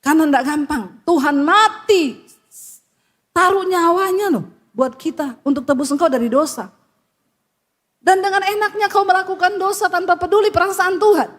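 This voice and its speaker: A woman pastor delivers a sermon in a very high voice. She preaches in a blunt, scolding way, speaking straight at her listeners. When she acts out the people she quotes, her voice sinks far lower. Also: normal speed. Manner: animated preaching, often dropping low to voice quoted people.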